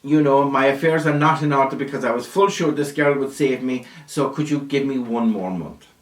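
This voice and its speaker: A man's voice: mid-range voice, moderate pace, lightly acted. An Irish man playing an anxious, pleading mother in a folk tale, lilting and plaintive. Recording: roomy, echoing sound.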